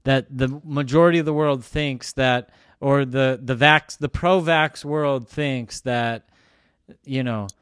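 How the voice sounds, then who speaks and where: A man's voice: medium pitch, fairly even intonation, slow, a bit bright, clear, resonant tone, dry recording, studio quality. A man hosting a podcast interview, talking casually and opinionated, with many restarts and self-corrections. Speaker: podcast host.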